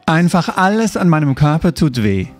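A man voicing a young woman who complains in a plaintive, higher voice, within a spoken story. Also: big pitch swings, normal speed, soft background music. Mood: complaining.

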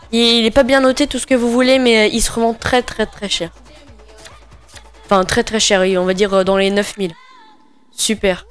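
A man's voice: high voice, fairly bright tone, clean tone. A man giving casual gaming commentary while opening packs, hesitant and full of fillers and restarts. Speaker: gaming video creator.

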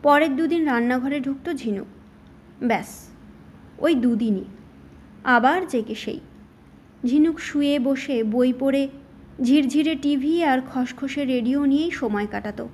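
A woman storyteller narrating a short story for an audiobook in a steady, measured reading. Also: high-pitched, slight background noise.

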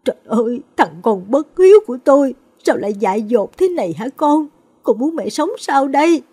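A woman voicing a grieving elderly mother who laments in a high, strained voice. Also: moderate pace, warm tone, breathy edge. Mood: wailing. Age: older.

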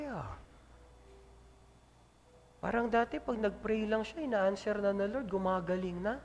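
Pastor guy preaching, kinda high voice, big reverby church hall. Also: slight background noise. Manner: lively preaching, swings between loud and soft. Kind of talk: sermon.

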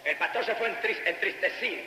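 A man with a Puerto Rican accent preaching a fervent sermon as an evangelist, breaking into shouted praise between stretches of storytelling. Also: sits high, brisk, a little hiss or hum. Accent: Puerto Rican Spanish. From Puerto Rico. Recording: echoey hall with long reverb.

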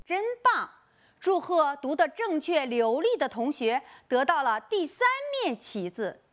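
A woman teaching a recorded online lesson for first graders, coaxing and lively, stretching out the task titles. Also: high voice, a little slow. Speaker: primary school teacher.

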